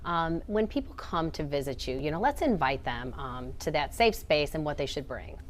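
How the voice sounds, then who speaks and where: A woman's voice: low voice, lively intonation, moderate pace, a little hiss or hum. A woman hosting a conversational interview, putting questions and reflecting briefly on the answers. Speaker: interview host.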